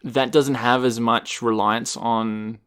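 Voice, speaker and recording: A man co-hosting a casual film podcast lays out background facts about a movie, informative but full of ums and uhs. His medium-pitched voice is steady, slow, smooth and a bit bright.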